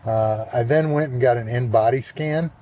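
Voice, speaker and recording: A man in his sixties giving a casual vlog check-in outdoors, talking in a relaxed, rambling way with plenty of fillers. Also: medium pitch, moderate pace. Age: 60s. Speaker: vlogger. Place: outdoors, walking and at a golf course.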